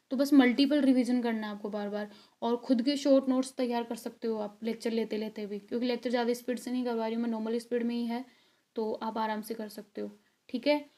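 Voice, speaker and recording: A woman's voice: fairly high pitch, level tone, quick pace, dark tone. A young woman teaching an exam-prep video lesson, chatty and encouraging, checking often that her students follow. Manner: frequent check-ins and fillers.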